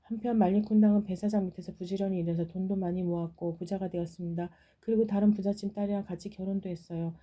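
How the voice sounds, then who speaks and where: A woman's voice: mid-range voice, steady tone, fast talker, few pauses, mellow. A woman telling a folktale aloud in a casual way, with plain, simple phrasing. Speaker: storyteller.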